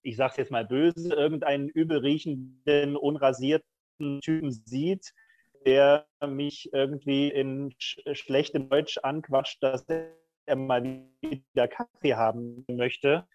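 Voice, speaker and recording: A man's voice: mid-range voice, fairly even intonation, takes it slowly, a little mellow, no echo, faint music behind. Thoughtful middle-aged man, dull dry sound. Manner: thoughtful, candid, with frequent hesitations. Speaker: prison chaplain, podcast guest. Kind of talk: reflective conversational interview.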